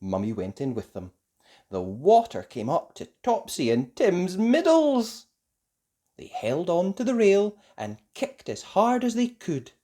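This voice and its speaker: A reader with a mid-range voice narrates a scripted story for small children, expressive, deliberate, and sing-song throughout.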